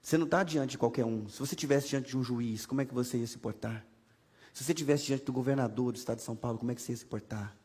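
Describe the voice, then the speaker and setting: A Brazilian-accented pastor races through his sermon in a medium-pitched, darkish, husky voice. His style is chatty and humorous with plenty of rhetorical questions, and the church sanctuary adds a long hall reverb.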